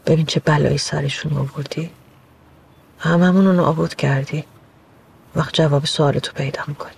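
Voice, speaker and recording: An actor playing a threatening man who confronts a woman, speaking in a flat, threatening way. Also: fairly high pitch, creaky, slight background noise. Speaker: actor in a TV drama. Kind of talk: TV drama acting.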